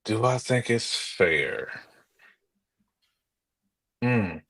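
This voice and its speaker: This American podcast co-host speaks very slowly in a fairly low, slightly bright, expressive voice. He shares opinions in a loose, conversational way full of slang, keeping the talk casual.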